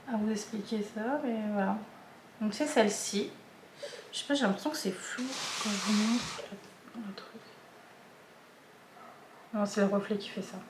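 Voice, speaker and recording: A woman's voice: medium pitch, a bit bright, reverberant, a little hiss or hum. A woman vlogger chatting casually and hesitantly, with many fillers and restarts. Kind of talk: casual chat.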